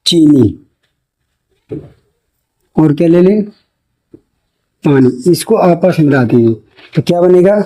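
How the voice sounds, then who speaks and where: A man teaching a chemistry lesson for board exams, posing questions to the class and answering them himself, repeating key terms slowly. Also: sits high, warm tone, rough recording. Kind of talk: classroom lecture for board exam.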